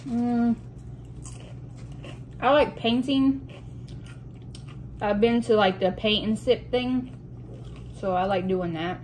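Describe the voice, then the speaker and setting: A woman chatting casually as a vlog host while eating soup in a mukbang, reading out questions and pausing to clear her throat. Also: a little high, a little mellow. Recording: noticeable room noise with dish and cutlery clatter. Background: clinking cutlery and dishes.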